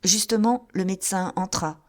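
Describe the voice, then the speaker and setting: A woman with a mid-range voice narrates an audiobook from a script, reading in a measured, even storytelling manner.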